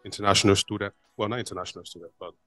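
Low-voiced rambling male podcast host. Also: steady tone, racing, sharp tone, no echo, faint music behind. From immigrant to the United States. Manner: rambling, many fillers like "you know what I mean". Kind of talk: casual interview chat.

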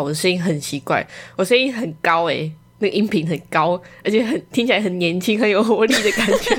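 A young woman co-hosts a podcast in relaxed chat. Her voice sits a little low. She is wry and self-mocking and breaks into laughter often. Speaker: podcast co-host. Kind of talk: casual chat.

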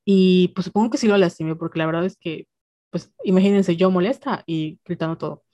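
A woman's voice: on the low side, a little fast, no room sound. Mexican girl on a podcast telling a long story, lots of slang, acts out what people said, dry mic. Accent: Mexican Spanish. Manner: animated retelling with slang and quoted dialogue. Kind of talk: casual storytelling chat.

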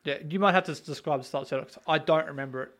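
A man in a casual football podcast who speaks fast and punchy and keeps jumping in. His voice sits a little high. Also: fairly bright tone. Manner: quick, emphatic, chiming in.

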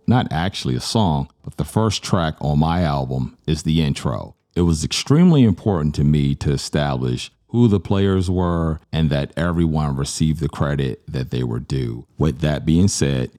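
Very deep, mellow-voiced male podcast host. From Virginia, US. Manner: relaxed, earnest, many filler sounds. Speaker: podcast host and music producer. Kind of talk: casual podcast talk about his album.

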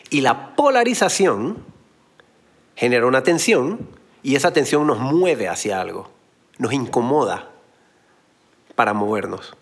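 A man giving a motivational talk, explaining with everyday analogies and blunt slang. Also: mid-range voice. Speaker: motivational speaker.

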